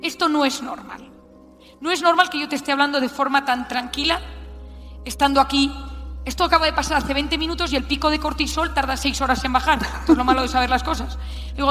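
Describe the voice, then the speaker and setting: High-voiced woman, Spanish accent, animated storyteller, long hall reverb, faint music behind. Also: fast. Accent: Spanish (Spain). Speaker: speaker giving a talk. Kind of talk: storytelling talk to an audience. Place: large hall with audience.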